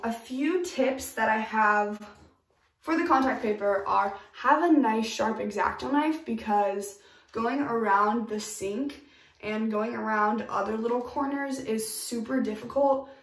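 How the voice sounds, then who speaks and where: A woman's voice: on the high side, reverberant, distant mic. A young woman giving casual, emphatic DIY tips in a home bathroom, recorded by a camera in front of her. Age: young adult. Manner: chatty, emphatic, upbeat. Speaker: DIY vlogger.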